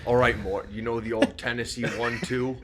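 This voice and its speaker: A man's voice: medium pitch, little pitch movement, normal speed, a crowd in the background. A man playing a tabletop game, cracking crude jokes in character. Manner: crude joking. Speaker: player. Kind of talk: casual tabletop role-play.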